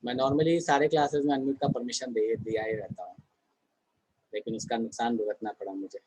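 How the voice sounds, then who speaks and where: A man's voice: mid-range voice, fairly even intonation, brisk, darkish tone, slightly rough, poor audio. A man teaching a chemistry class online in a conversational way, often asking the students questions and answering them himself.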